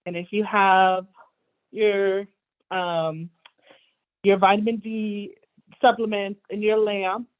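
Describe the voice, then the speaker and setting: A woman chats openly in a panel conversation, laughing easily as she gives frank, practical tips. Her voice sits at an ordinary pitch for a woman. It comes through a tinny, phone-like line. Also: little pitch movement, slow, pauses often. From Texas, USA. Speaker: theater apprentice. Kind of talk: casual panel chat.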